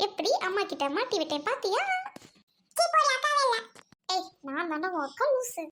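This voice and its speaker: A woman's voice: very high voice, very animated, normal speed, bright, forceful tone, slight background noise, heavily acted. A woman voicing a bossy, teasing young girl who is the older sister in a comedy skit.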